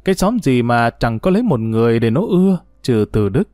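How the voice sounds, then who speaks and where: A man's voice: medium pitch, sing-song, fast, a little mellow, smooth, dry recording. Man reading a story, dry close sound. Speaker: narrator.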